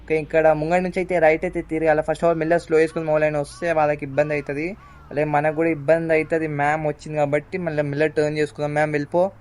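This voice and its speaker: A man's voice: a little high, a little mellow. A young man gives casual gameplay commentary, chatting with his viewers and calling out to people in the game. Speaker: gaming YouTuber.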